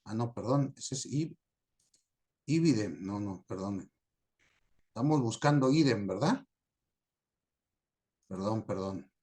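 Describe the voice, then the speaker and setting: A man's voice: lowish voice, expressive, takes it slowly, pauses often, darkish tone. A man teaching a class on citation format, patient, often checking that students understand. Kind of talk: recorded lecture on citation format.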